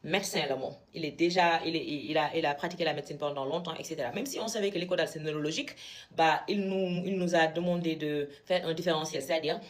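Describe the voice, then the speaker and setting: A woman's voice: deep voice, fast. A young woman from Senegal, a medical student, telling a story casually and with indignation, switching between French and Wolof. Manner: animated, indignant retelling.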